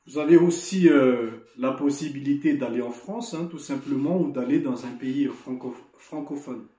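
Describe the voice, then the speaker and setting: Man, Malagasy accent, mellow voice, echoey room, motivational talk, video call. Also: mid-range voice, normal speed. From Madagascar. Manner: earnest, encouraging, with frequent restarts and repeated words. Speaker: association delegate giving an opening lesson. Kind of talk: motivational speech to students.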